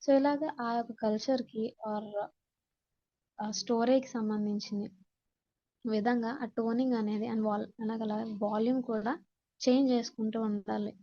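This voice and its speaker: Her voice is a little high and steady, moving at normal speed with frequent pauses, and the recording sounds dull. She's an instructor with a Telugu accent working through slides, reading each point and explaining it again and again in Telugu and English.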